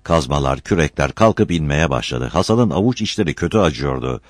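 Deep-voiced male storyteller. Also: brisk, dry recording, clean studio sound. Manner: steady storytelling. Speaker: narrator. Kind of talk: audiobook narration.

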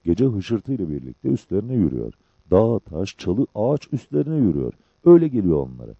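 A man narrating an audiobook in a measured storytelling manner, in a dull lo-fi recording. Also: lowish voice, big pitch swings, creaky, husky, dry recording.

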